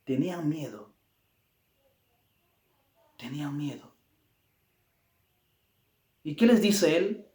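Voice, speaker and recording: A man preaching a Bible study with an emphatic, repetitive delivery that drives each phrase home. His voice sits a touch high for a man. The sound is roomy, with a clear echo around him. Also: animated, very slow, pauses often, a little mellow.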